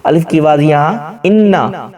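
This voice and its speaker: A man teaching Quran reading, spelling out syllables slowly and chanting the joined words. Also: on the high side, a little mellow. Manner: slow syllable-by-syllable drilling, breaks into chanted recitation. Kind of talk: spelling-out recitation lesson. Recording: distant from the mic.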